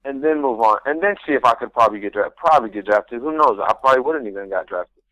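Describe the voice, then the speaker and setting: A man's voice: mid-range voice, quick pace, a bit bright, no echo, poor audio. A young man, a guest on a radio talk show, telling his story in an earnest, rambling way, often restarting his sentences. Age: young adult. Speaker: guest, pro soccer rookie. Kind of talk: casual interview storytelling.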